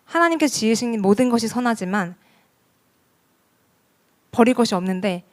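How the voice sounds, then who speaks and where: A woman's voice: a little high, lively intonation, normal speed. A woman evangelist preaching a sermon at a church worship service, talking earnestly and directly to the congregation. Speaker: youth ministry evangelist.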